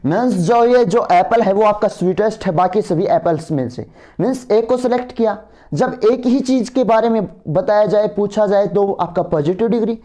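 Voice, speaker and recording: Male grammar tutor, dark mellow voice, keeps asking "right?". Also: sits high, moderate pace. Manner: asks students for agreement, repeats words. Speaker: teacher. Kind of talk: exam grammar lecture.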